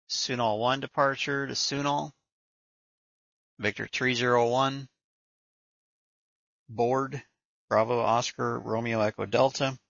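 A man's voice: mid-range voice, vocal fry, bright, forceful tone, no room sound, muffled recording. A man working as an air traffic controller, giving procedural instructions over the radio. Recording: dry, band-limited radio audio.

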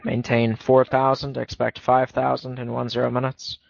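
A man working as an air traffic controller, issuing clearances in clipped radio phraseology. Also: medium pitch, monotone, normal speed, no echo. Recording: dull lo-fi radio audio.

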